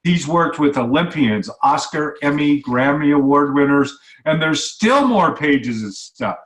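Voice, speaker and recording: A man's voice: a little high, expressive, measured pace, roomy sound. A man hosting a radio interview show, chatting casually with lots of fillers and repeated words. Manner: conversational, with many fillers and repeats.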